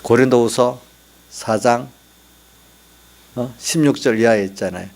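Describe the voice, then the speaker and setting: A man's voice: mid-range voice, a little slow, vocal fry, a little mellow. A middle-aged male pastor preaching a sermon in church, talking in a conversational way and often asking the congregation for replies.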